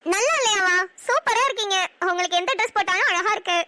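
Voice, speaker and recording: A woman's voice: extremely high pitch, fast talker, sharp tone, dry recording, studio quality. A woman with a Namakkal Tamil accent voicing a playful, bossy young wife who chats and banters in a cartoon. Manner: chatty, bantering. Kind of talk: cartoon voice acting.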